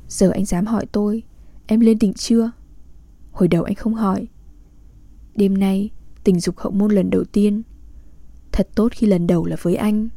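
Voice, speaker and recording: Reading a literary diary aloud, a woman stays calm, intimate and measured, never rushing or changing her steady tone. The deep, mellow, dark voice is captured close and dry, without any room sound or echo.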